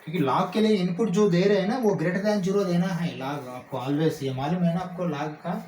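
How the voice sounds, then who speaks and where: A man's voice: high voice, a little mellow. Man teaching maths, echoey room. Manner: checks in often with rhetorical questions; slows down to dictate formulas. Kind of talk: explaining calculus while writing. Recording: echoey room with faint ambient noise.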